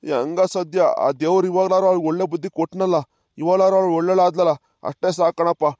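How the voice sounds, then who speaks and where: A man voicing a gentle old village grandfather who calmly forgives, for a cartoon. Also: high-pitched, fast talker, no echo, natural voice. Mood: consoling. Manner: calm, consoling. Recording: dull lo-fi sound.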